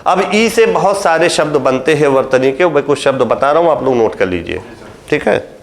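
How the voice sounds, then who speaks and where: Guy teaching hindi grammar for an exam, fairly high voice, keeps asking if its clear, roomy echo. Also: expressive, normal speed. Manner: explains step by step, often asks the class if it is clear. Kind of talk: classroom lecture on Hindi grammar.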